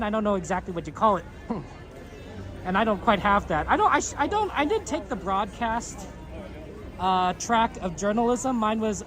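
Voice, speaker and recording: A man hosting a casual live stream outdoors at a theme park, chatting in a rambling way with lots of fillers and restarts as he reads chat aloud. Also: high-pitched. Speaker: livestream host. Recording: crowd noise around the speaker. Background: park crowd.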